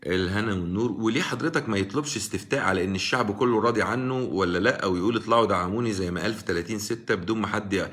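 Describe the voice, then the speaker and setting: A man's voice: fairly low pitch, rapid-fire, few pauses, a bit bright. A man with an Egyptian accent hosting a live stream, giving casual political commentary in an argumentative way and answering viewers by name. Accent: Egyptian Arabic. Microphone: live-stream mic.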